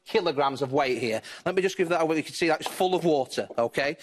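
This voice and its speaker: A man's voice: a little high, animated, fast. A British man in his thirties giving an instructive, reassuring live home shopping demonstration, step by step. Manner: instructive, reassuring, repeats set phrases. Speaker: product demonstrator on a shopping channel. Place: television studio, indoors, moving about while demonstrating.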